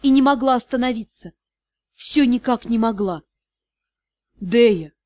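A woman's voice: a little high, normal speed, darkish tone, no room sound. A woman reading an audiobook aloud, with emotional first-person narration. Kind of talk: scripted narration.

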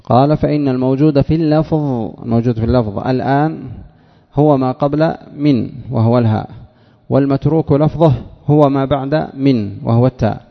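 In a reverberant hall, captured on a dull lo-fi recording, a gravelly man of medium pitch gives a classroom lesson as a sheikh teaching Arabic morphology. He poses questions to students and slowly repeats his examples.

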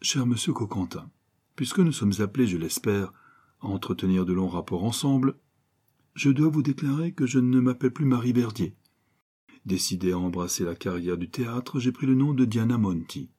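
A man voicing a scheming young adventuress who speaks smoothly and turns menacing. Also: mid-range voice, moderate pace, warm tone, pitched above the performer's own voice, lightly acted. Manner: smooth, then harsh and threatening.

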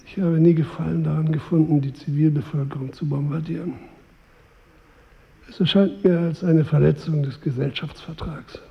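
A man's voice: a little high, fairly even intonation, normal speed, gravelly. An actor playing a vain, weary King Arthur in a radio drama, speaking in a wry, stately manner. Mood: musing, haughty. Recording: roomy hall reverb, narrowed sound.

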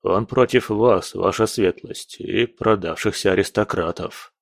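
A man voicing a weary, disgusted general who speaks low and grimly. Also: measured pace, vocal fry, no room sound, studio quality. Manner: low, grim, contemptuous. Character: weary, disgusted middle-aged male general.

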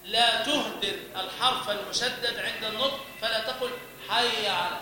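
A man's voice: high voice, normal speed, noisy background. A man giving a religious lesson on pronouncing the call to prayer, demonstrating sounds by chanting and repeating syllables. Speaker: teacher of the call to prayer and Quran recitation. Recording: echoey hall.

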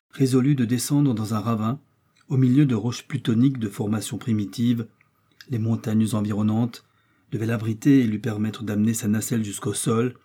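A man narrating a classic novel as an audiobook, in a slow, expressive reading. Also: medium pitch, slightly rough. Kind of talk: scripted narration.

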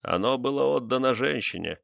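A man voicing a cruel, vengeful nobleman who mocks his wife in a slow, menacing way. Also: medium pitch, expressive, vocal fry, fairly bright tone, no room sound, clean studio sound, pitched above the performer's own voice. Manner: mocking, menacing, measured.

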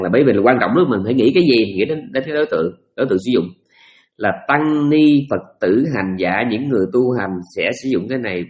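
Folksy monk preaching. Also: male voice, medium pitch, a little mellow. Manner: folksy, repetitive, conversational. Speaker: Buddhist teacher. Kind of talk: dharma talk sermon.

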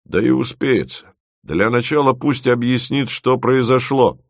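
A man voicing a stern, gloomy male student leader, speaking slowly and somberly. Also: medium pitch, gravelly, no echo, studio quality. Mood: musing. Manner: slow, somber delivery.

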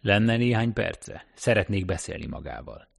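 A man voicing a cautious, secretive man on the run in an audiobook reading, measured and guarded. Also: lowish voice, big pitch swings, gravelly, slightly rough, heavily acted.

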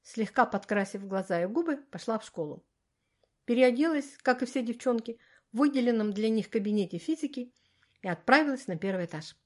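A woman narrating a story as an audiobook in a steady, even storytelling manner. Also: a little high, fairly quick.

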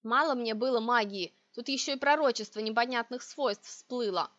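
Woman narrating a fantasy book, kinda high voice, wry, dry dull recording. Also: normal speed, a bit bright, no echo. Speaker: audiobook reader. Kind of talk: first-person fantasy audiobook narration.

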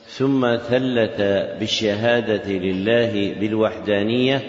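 A man teaching a religious text in a lesson, speaking slowly and repeating phrases so students can write them down. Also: fairly low pitch, darkish tone, roomy sound, big-room sound. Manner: slow, repeats phrases for dictation. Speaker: Islamic scholar teaching a hadith text. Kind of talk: classroom lesson explaining a text.

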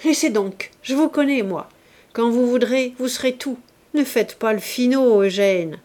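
A woman's voice: on the high side, animated, measured pace, darkish tone, pitched above the performer's own voice. A woman voicing a plump, complaining middle-aged lady who reproaches an old friend in a plaintive, wheedling tone. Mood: reproachful.

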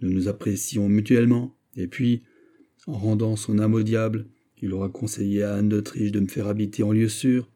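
A man's voice: fairly low pitch, normal speed, lightly acted. A man reading an audiobook and voicing a bold, mocking middle-aged male musketeer. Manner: lively, boastful, mocking. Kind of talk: audiobook character voice.

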